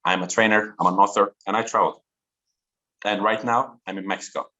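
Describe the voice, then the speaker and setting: A man in his thirties from Turkey, a native Turkish speaker giving an online talk to students slowly and deliberately over a video call. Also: lowish voice, steady tone, sharp tone, dull audio. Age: 30s. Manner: slow, deliberate and interactive.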